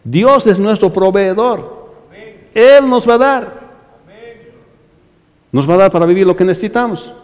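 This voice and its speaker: A male pastor preaching a sermon emphatically, rising on repeated phrases and dropping low at the ends of lines, speaking directly to his brothers in the congregation. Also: unhurried, long pauses, darkish tone, long reverb tail.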